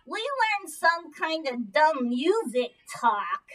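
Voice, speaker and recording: A squeaky ventriloquist dummy, voiced by a woman, playing a cheeky and boastful boy who is none too bright. The pitch is high and swoops around in a bright, piercing tone. The microphone sits some way off. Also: very animated, slow, full character voice. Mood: matter-of-fact. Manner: exclamatory, hesitant when stumped, cheeky. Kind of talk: ventriloquist comedy act. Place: indoor painted playroom, far camera. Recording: distant microphone in a room.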